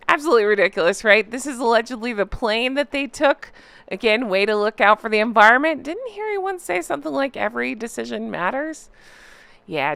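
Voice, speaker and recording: A woman's voice: a little high, sharp tone, no echo. A woman hosting a gossip recap in a casual, chatty, opinionated way, with a sarcastic, mocking and exclamatory delivery. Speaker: host of a celebrity gossip recap channel.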